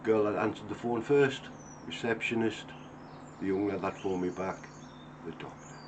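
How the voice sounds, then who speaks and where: A man's voice: lowish voice, fairly even intonation, moderate pace, background noise. Plain-spoken man in his fifties. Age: 50s. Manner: earnest, plain-spoken, acts out everyday dialogue. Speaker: woodworker. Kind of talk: reflective talk to camera. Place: home workshop.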